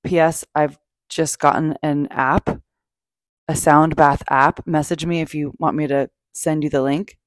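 A woman's voice: low voice, steady tone, unhurried, no room sound. A woman hosting a podcast, talking casually and off the cuff about self-help in a gushing, emphatic, sweary way. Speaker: podcast host. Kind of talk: casual spoken self-help talk, unscripted.

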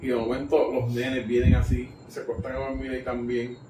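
A man with a Puerto Rican accent telling a story in casual chat, animated, laughing often, full of slang and curses. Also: mid-range voice, fairly quick. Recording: roomy distant mic with background noise.

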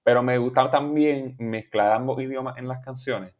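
Young man, Puerto Rican Spanish accent, musician guest, relaxed, rambling, mid pitch. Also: normal speed. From Puerto Rico. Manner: relaxed, rambling, restarts often, laughs easily, mixes in English words. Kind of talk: casual interview chat.

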